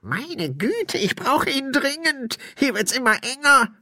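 A man's voice: very high-pitched, very animated, measured pace, bright, forceful tone, dry recording, studio quality, pitched above the performer's own voice, heavily acted. A man voicing a drunken, thirsty male ghost who whines and dodges questions. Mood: whining. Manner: whining, self-pitying.

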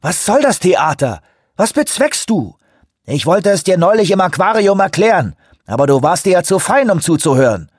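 A man voicing a huge, furious male eco-activist who shouts, scorns and preaches. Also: sits high, very animated, normal speed, slightly rough, dry recording, studio quality, pitched above the performer's own voice, heavily acted. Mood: angry.

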